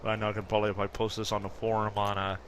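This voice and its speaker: Rambling and self-correcting, a gaming YouTuber in his fifties talks casually through his gameplay. He speaks very fast in a low-leaning voice with a completely flat delivery, and there's a little hiss or hum on the recording.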